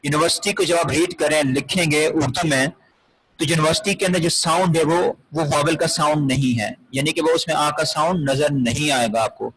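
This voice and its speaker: A man's voice: fairly high pitch, normal speed, a bit bright, slight background noise, poor audio. A man teaching an English grammar lesson, explaining step by step, repeating key words and asking rhetorical questions. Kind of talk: classroom grammar lecture.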